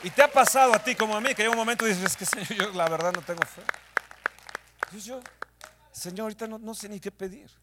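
A male pastor preaching a sermon, dropping to hushed whispers and rising to shouts, sometimes singing scripture lines. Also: sits high, fast talker, over a noisy crowd, heavy background noise.

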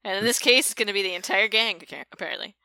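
A woman co-hosting a podcast, talking over a film in a halting, conversational way. Her voice is bright and crisp, recorded close and dry with no room sound. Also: medium pitch, dry recording. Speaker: podcast co-host. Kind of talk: casual film recap chat.

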